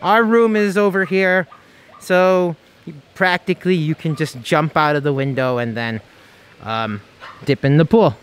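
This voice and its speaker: At a beachfront table outdoors, a travel vlogger casually reviews food to camera, chatty and playful as he thinks aloud. His voice is on the high side, unhurried, with a clean tone.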